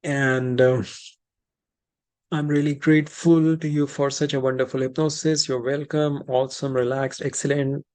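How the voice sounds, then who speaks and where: A man with or as his language leads an informal group session as a hypnosis practitioner. He explains things reassuringly, often repeating and rephrasing his key phrases, at a middling pitch. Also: little pitch movement, normal speed, darkish tone. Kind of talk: informal teaching and question session, switching between two languages.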